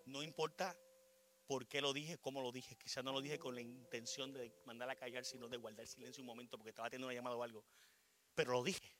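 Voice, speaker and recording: A middle-aged man with a Puerto Rican accent preaching a sermon, shifting from loud declarations to quiet asides. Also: mid-range voice, little pitch movement, fast, faint music behind. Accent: Puerto Rican Spanish. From Puerto Rico. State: short of breath. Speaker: pastor.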